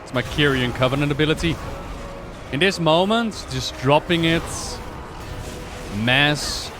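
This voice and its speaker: Man musing aloud over loud game music. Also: fairly high pitch, unhurried. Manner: rambling, musing aloud, playful. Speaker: game streamer and lore commentator. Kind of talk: casual livestream game commentary. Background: game music and effects.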